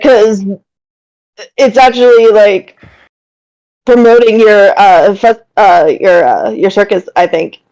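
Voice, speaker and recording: A woman playing a tabletop game who speaks in a hesitant, halting way full of fillers. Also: medium pitch, darkish tone, low-quality recording. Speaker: player.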